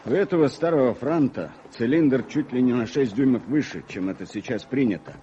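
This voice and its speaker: A man playing a shrewd, self-assured police detective in an old radio play, with brisk, clipped delivery. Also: medium pitch, animated, warm tone, a little hiss or hum, close to an everyday voice. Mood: brisk, commanding. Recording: dull, band-limited old radio recording.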